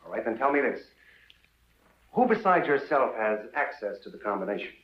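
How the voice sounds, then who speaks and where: A man's voice: mid-range voice, very animated, brisk, lightly acted. An actor playing a polite, probing male FBI investigator in a 1950s film drama. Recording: dull, echoey old film soundtrack.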